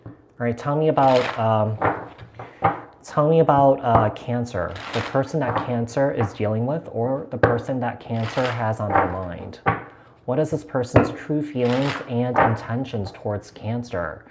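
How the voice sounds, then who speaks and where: A man reads tarot cards live in a loose, rambling way, repeating himself and circling back with fillers. His voice sits at an ordinary middle pitch for a man. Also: unhurried, heavy background noise. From United States. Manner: chatty and meandering, many fillers and repeats. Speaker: tarot reader. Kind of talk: live tarot reading, casual chat.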